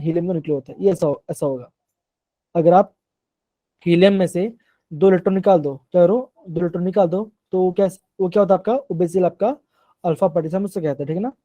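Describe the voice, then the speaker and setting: A man's voice: high-pitched, warm tone, dry recording. A man teaching a class live online, often asking questions and repeating them, mixing terms into his sentences.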